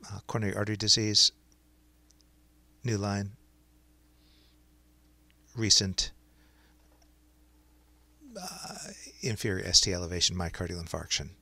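Bright-voiced man dictating, low pitch. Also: fairly even intonation, unhurried, creaky, pauses often, no room sound. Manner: dictating, clinical phrasing with spoken punctuation. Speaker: software demonstrator. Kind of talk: dictating medical notes aloud to speech recognition software, speaking punctuation.

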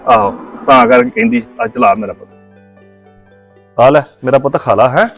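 A man's voice: mid-range voice, lively intonation, normal speed, a bit bright, soft background music. A man playing a stern but loving old grandfather, in a family web drama. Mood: tender coaxing. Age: older. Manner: scolds sharply, then coaxes the child tenderly.

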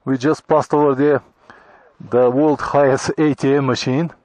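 On a high mountain pass, a middle-aged Bulgarian motorcycle vlogger chats casually to his camera in halting, grateful English, often restarting his sentences. His mid-range voice is a little mellow with fairly even intonation. The dry outdoor recording comes from an action camera on his helmet or in his hand.

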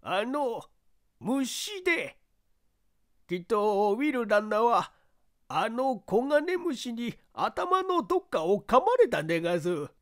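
A woman's voice: a little high, sing-song, slow. A woman voicing a simple, earnest old male servant who talks in a thick rural dialect. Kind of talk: audiobook character reading.

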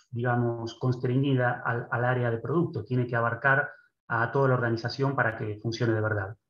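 A man's voice: mid-range voice, muffled recording. Middle-aged argentine-born guy lecturing, thinks aloud with lots of ehs and restarts, echoey room. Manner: measured, thoughtful, with many restarts and filler sounds. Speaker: guest speaker. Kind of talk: lecture presentation.

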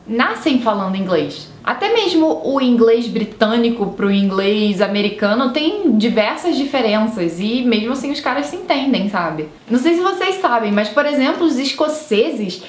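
A young Brazilian woman in her twenties with a Brazilian Portuguese accent, hosting a casual English lesson in a chatty, reassuring way. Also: high voice. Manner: chatty, reassuring, with tag questions. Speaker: English teacher and video host. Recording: roomy echo.

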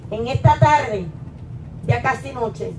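A middle-aged woman pastor preaching a sermon at a pulpit into a handheld mic, rising to emphatic peaks and then dropping low. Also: slow pace, darkish tone, a little hiss or hum. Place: small church hall, at a wooden pulpit. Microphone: handheld mic, filmed from a distant camera. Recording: echoey church hall from far off.

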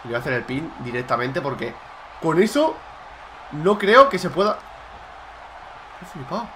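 A young man from Spain with a Spanish accent, giving loud, excited commentary on his own gameplay, shouting and swearing at his opponent. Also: on the high side, normal speed, slight background noise. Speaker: gaming YouTuber.

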